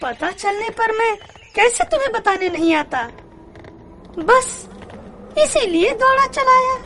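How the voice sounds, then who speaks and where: A woman's voice: takes it slowly, crowd noise, full character voice. A woman voicing a sly, sweet-talking male jackal in a storybook cartoon. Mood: sly, sugary. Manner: sweet-talking, very high and lively. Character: sly scheming male jackal, small and chirpy. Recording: clear background noise.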